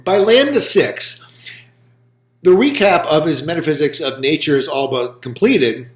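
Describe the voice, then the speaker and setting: Slow-dictating male lecturer, roomy echo. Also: a little high. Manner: slow, deliberate dictation with frequent ums. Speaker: philosophy lecturer. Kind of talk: recorded lecture to camera. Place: room with a whiteboard.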